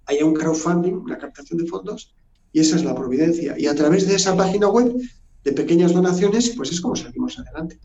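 A priest telling a lively story on a radio interview. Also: male voice, on the high side, brisk, echoey room. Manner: animated anecdotal storytelling. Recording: dull lo-fi audio.

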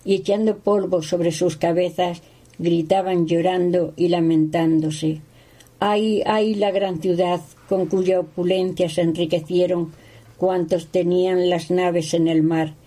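A woman reading a Bible passage aloud at a steady pace, sometimes stumbling on a word. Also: fairly low pitch, measured pace, low-quality recording. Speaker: scripture reader.

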